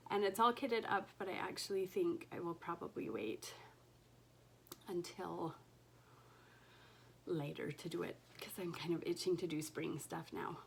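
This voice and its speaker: Chatty woman, soft home vlog. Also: fairly low pitch, animated, a little slow, vocal fry, long pauses, a little hiss or hum. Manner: chatty, gushing, drops into soft whispers when admiring her stitching. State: recovering from illness, voice recently lost. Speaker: cross-stitch vlogger. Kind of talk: casual chat to camera.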